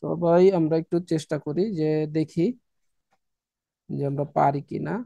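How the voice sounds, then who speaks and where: A man teaching Quran reading in an online lesson, pausing often with filler sounds and drilling syllables slowly. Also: a little high, little pitch movement, vocal fry, warm tone, no echo.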